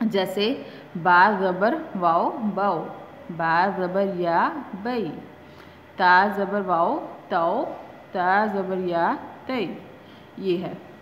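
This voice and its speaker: Woman teacher with a Pakistani Urdu accent, slow drill-style recitation, recorded in a reverberant room with faint background hum. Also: mid-range voice. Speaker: Quran reading teacher. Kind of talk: recorded classroom lesson.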